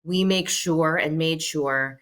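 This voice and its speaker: A woman's voice: low-pitched, slow, a bit bright. A middle-aged woman leading a social services agency, giving earnest prepared remarks at a telephone town hall with frequent "um"s. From United States. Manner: earnest, many "um" fillers.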